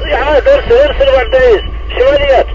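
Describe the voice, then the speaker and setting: A man with a Saudi Najdi Bedouin accent coordinating over a two-way radio, briskly giving and repeating instructions. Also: very high voice, fairly even intonation. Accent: Saudi Najdi Bedouin Arabic. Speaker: search team radio coordinator. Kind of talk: radio dispatch chatter. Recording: muffled two-way radio sound.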